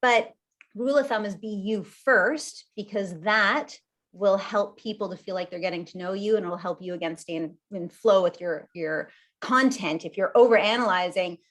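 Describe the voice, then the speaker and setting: Standing woman presenter, animated, chatty, on a video call mic, medium pitch. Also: normal speed. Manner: lively and conversational, laughs often; talks while standing and gesturing. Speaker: workshop presenter. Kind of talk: live online presentation.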